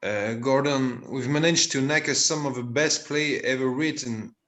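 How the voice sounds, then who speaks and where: A man's voice: medium pitch, moderate pace, fairly bright tone, close to an everyday voice. A man reading the part of a hesitant, stammering set builder in a village drama group. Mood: wry. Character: hesitant married man who builds the sets. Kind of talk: amateur play reading. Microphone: video call.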